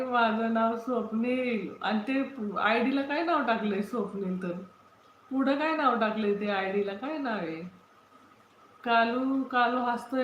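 A woman's voice: fairly high pitch, a little hiss or hum. A woman hosting a casual livestream, chatting and reading viewer comments, greeting people by name and repeating her questions. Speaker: livestream host. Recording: roomy, dull lo-fi phone audio.

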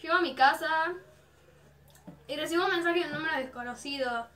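A woman telling a giddy, animated story to her camera. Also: high voice, fairly quick, slight background noise. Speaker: vlogger. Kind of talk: storytime about a dream.

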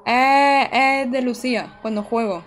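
A woman's voice: fairly high pitch, measured pace, faint music behind. A young woman, chatting to her viewers while playing a game live. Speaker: streamer. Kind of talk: live gameplay commentary.

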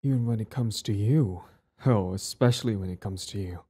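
Here the same kind of role, a lovestruck, possessive young bully, is voiced by a man in an intimate audio roleplay, his voice fairly low, dark, relaxed and husky. At a moderate pace he sounds tender and confessing, clingy and earnest as he stumbles over words.

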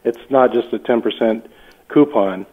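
A man speaking at a normal pace in a medium-pitched voice answers a prank call at home. Over the thin, narrowband phone audio, he presses the caller with firm, incredulous questions.

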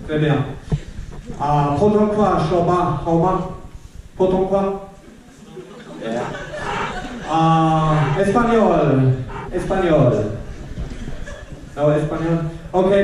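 A man's voice: fairly high pitch, noisy background. A young man with a German accent, a graduate student giving a playful, teasing, mock-dramatic welcome talk to new students. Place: large lecture hall. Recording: echoey hall from far off.

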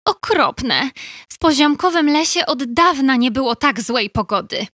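A woman's voice: high-pitched, lively intonation, a little slow, a bit bright, dry recording, studio quality, voice pushed up. A woman voicing a young female beaver in a children's story, exclaiming and lamenting in a raised voice. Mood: sad. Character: young female beaver, homely and easily upset. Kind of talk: storybook character voice.

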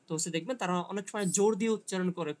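A man giving an online linguistics lecture who explains slowly, reads English passages aloud and answers students by name. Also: high voice, a little mellow. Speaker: teacher.

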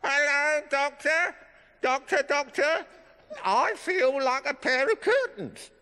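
A man voicing a squeaky male ventriloquist dummy telling corny jokes in a children's stage act. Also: lively intonation, takes it slowly, pushed and bright, heavily acted. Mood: jokey. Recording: echoey stage hall with background noise.

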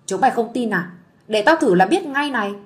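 A woman's voice: on the high side, lively intonation, fairly quick, lightly acted. A woman voicing a blunt, coarse, gossipy village wife. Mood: smug.

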